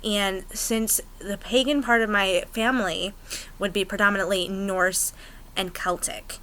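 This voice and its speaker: Young american woman rambling to her camera, bright voice, lots of ums, gets excited. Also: medium pitch, measured pace, poor audio. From United States. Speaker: pagan vlogger. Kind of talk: casual chat to camera.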